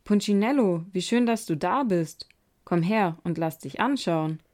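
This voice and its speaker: A woman's voice: fairly low pitch, lively intonation, a little slow, darkish tone. Woman reading as a kind bearded woodcarver. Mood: gentle.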